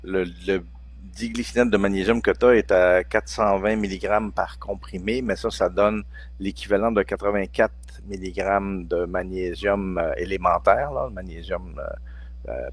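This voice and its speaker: Low-voiced Quebec man in his sixties. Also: fairly even intonation, normal speed, slightly rough. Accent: Quebec French. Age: 60s. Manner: hesitant, many restarts and fillers. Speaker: guest pharmacology researcher. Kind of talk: casual expert chat.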